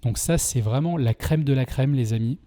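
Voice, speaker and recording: At normal speed and in a dark, mid-range voice, a French-accented man hosts a laid-back film review. He's chatty but hesitant, relying on fillers and frequent restarts.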